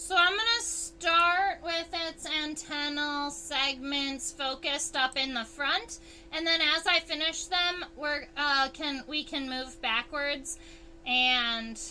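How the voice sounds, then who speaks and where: A woman's voice: sits high, bright, forceful tone, slight background noise. A woman entomologist hosting a casual livestream, explaining insect anatomy under a microscope and answering viewers' chat. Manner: chatty, unhurried, reads chat aloud.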